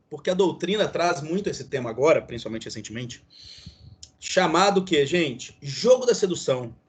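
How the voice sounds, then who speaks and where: Husky-voiced male law lecturer. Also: fairly high pitch. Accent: Brazilian Portuguese. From Brazil. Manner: explains with many fillers and tag questions. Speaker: law professor. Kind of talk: classroom lecture.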